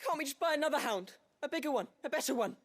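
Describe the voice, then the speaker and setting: A woman's voice: high voice, animated, very fast. A woman voicing a spoiled, cruel little rich boy who is petulant, whiny and bossy. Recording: game audio under faint music.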